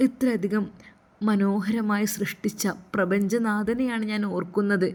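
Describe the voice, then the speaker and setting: A woman voicing a gentle, devout young woman lawyer who grieves in a soft, tearful way, with a Malappuram Malayalam accent. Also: mid-range voice, fairly even intonation, unhurried, close to an everyday voice. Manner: tender, tearful pleading.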